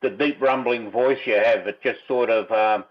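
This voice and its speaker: A man's voice: medium pitch, steady tone, moderate pace. A man chatting casually as a guest on a livestream, over dull lo-fi call audio. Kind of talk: casual chat.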